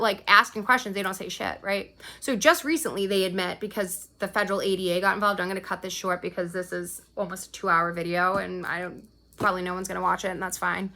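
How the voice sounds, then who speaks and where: A woman, an adult parent, is vlogging about a custody battle in a fast, gravelly, mid-range voice with a bright, forceful tone. She delivers her story as an angry, profane personal rant, frequently adding "right?" after her points.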